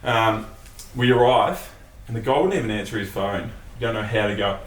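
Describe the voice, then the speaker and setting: A man's voice: fairly low pitch, normal speed. A young Australian man, a guest in a casual chat, telling a story with lots of fillers and the odd swear. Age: young adult. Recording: roomy sound, mic at a distance, faint hiss.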